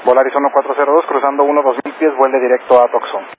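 A man's voice: mid-range voice, level tone, quick pace. A man working as an air traffic controller, issuing procedural instructions over aviation radio. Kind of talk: procedural approach radio communication. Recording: narrow air-band radio, faint static.

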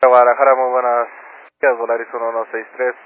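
A man's voice: mid-range voice, level tone, fast talker, phone-quality sound. A man working as a pilot, reading back instructions over aviation radio. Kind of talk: radio readbacks to air traffic control. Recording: thin, noisy air-band radio.

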